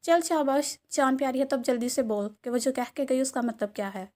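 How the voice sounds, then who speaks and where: A woman's voice: high voice, brisk, a little mellow, natural voice. A woman reading a novel aloud and voicing a cocky young man who teases and mock-threatens. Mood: mock-threatening. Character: brash cocky young man, teasing boss.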